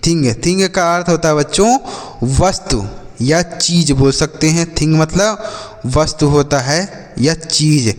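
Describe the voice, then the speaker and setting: A man teaching beginners English, spelling words out letter by letter and patiently repeating each meaning, calling his viewers children. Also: a little high. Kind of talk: spoken English lesson for beginners. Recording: long hall reverb.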